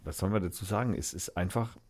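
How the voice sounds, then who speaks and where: Low-voiced rambling radio host. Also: male voice, quick pace, darkish tone. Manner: rambling, searching for words and correcting himself. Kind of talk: casual radio banter.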